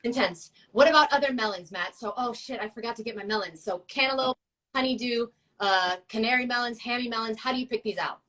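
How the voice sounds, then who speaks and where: A chatty woman with a fairly high voice, joking and laughing as she talks. She sounds a little distant, set back from the microphone. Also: fairly quick, fairly bright tone. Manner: chatty, laughing, playful asides. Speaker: co-host. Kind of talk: casual chat.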